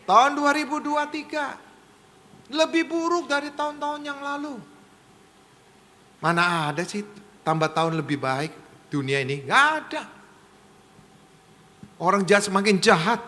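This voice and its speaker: A man delivering a sermon in a lofty, bright voice that rings with intensity. He urges the congregation on with calls for amens and applause. The sound hangs in the long reverb of a large church hall. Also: very high-pitched, animated, normal speed, long pauses. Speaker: preacher.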